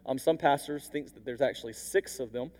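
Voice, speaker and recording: A man preaching a sermon as a pastor, moving between quiet intimate passages and loud emphatic ones. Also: medium pitch, brisk, long reverb tail.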